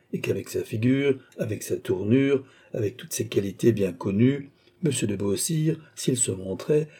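A man's voice: medium pitch, mellow, slightly rough. A man reading an audiobook, voicing a cool, politely mocking nobleman. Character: suave, cool, ironic nobleman count.

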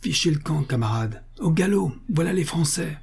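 Audiobook: man doing a brisk Alsatian soldier scout, dark and husky tone. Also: medium pitch, pitched above the performer's own voice, lightly acted.

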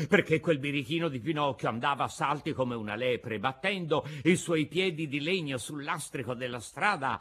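Man reading a fairy tale out loud, super animated and playful, voice all over the place. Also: a little high. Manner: lively, theatrical, playful. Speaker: audiobook narrator. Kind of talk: expressive storybook narration.

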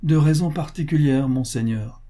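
A man reading the lines of a cold, ironic male financier with a curt, measured delivery. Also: on the high side, dark tone, lightly acted.

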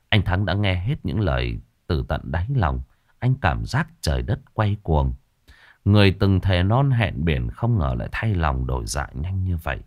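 A man narrating a scripted story in a dramatic storytelling manner. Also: low voice.

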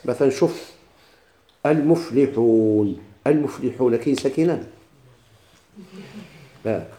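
Teaching a recitation class at a brisk clip, a man with a Moroccan Arabic accent explains a text with lively intonation. His slightly high voice has a dark, mellow tone. He spells words out slowly, repeatedly breaking off and starting over, and then quizzes his students.

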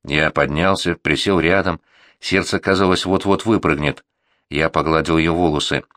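A man reading a first-person story aloud in a measured, reflective storytelling manner. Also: rumbling low, steady tone, a bit bright, dry recording, clean studio sound. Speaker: narrator. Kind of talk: first-person audiobook narration.

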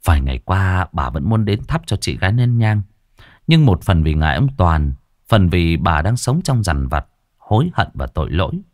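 A man's voice: deep voice, big pitch swings, normal speed, darkish tone, dry recording, studio quality. A man reading a ghost story aloud with dramatic, suspenseful delivery. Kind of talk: scripted ghost story narration.

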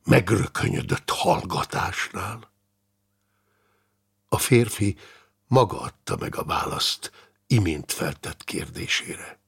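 A male audiobook narrator with a gravelly, husky voice. He reads with dramatic expression. His pitch moves a lot, rising and falling through each sentence. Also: animated, long pauses, a bit bright. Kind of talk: scripted narration.

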